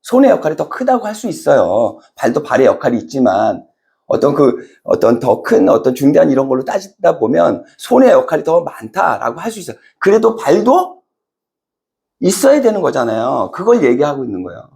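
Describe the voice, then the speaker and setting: A middle-aged man preaches in a conversational, animated way, slipping into character voices as he tells a story. His voice sits fairly high for a man, with a gravelly rasp and wide swings in pitch. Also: fairly quick. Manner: conversational, asks the congregation questions. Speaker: pastor. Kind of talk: sermon.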